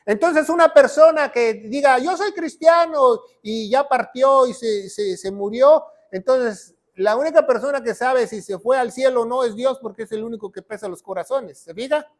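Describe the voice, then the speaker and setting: A man's voice: very high voice, moderate pace, hardly any pauses. A man preaching as a pastor and Bible teacher, asking rhetorical questions and reading verses aloud. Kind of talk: sermon teaching.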